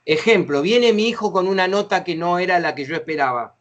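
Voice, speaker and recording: A middle-aged Argentine man with an Argentine Spanish accent leads a facilitator training session, speaking at length with his voice slightly raised. His fairly high, bright voice moves a little quickly, and the recording is lo-fi. He explains things chattily and acts out brief example phrases.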